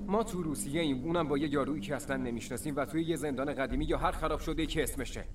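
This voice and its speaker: A man's voice: on the high side, close to an everyday voice. A man dubbing a nervous young man who presses his friends to hurry. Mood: uneasy. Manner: pressing, reassuring then blaming. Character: young man, nervous group member urging haste. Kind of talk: film dub. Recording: distant voice, music underneath.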